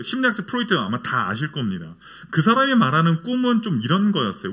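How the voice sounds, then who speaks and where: A male pastor preaching a lively sermon in a church, his fairly high voice leaping up and down as he speaks. He keeps turning to the congregation with questions and answers them himself. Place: church sanctuary.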